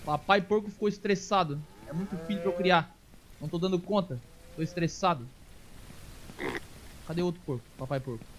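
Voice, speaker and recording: A man giving casual let's-play commentary, excitable, calling out to viewers and coaxing animals aloud. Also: sits high, fairly quick, long pauses, a little hiss or hum. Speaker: gaming streamer.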